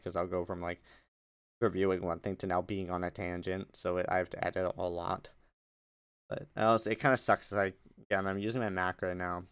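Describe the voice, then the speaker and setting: A man's voice: low-pitched, vocal fry, fairly bright tone, smooth. A young man hosting his own podcast alone, chatting casually and rambling off on tangents. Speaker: podcast host. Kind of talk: solo casual podcast chat.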